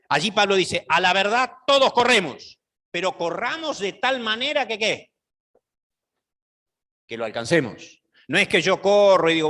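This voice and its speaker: A man's voice: medium pitch, bright, forceful tone. A middle-aged man, preaching a sermon and putting rhetorical questions to his congregation. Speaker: pastor. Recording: hall reverb.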